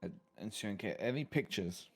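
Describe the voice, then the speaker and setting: A man's voice: on the low side, lively intonation, normal speed. A man playing a tabletop game in a playful, joking way. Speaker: player.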